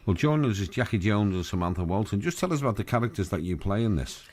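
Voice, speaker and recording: A man's voice: fairly low pitch, big pitch swings, fast talker, darkish tone. A man hosting a chatty, informal and jokey radio interview.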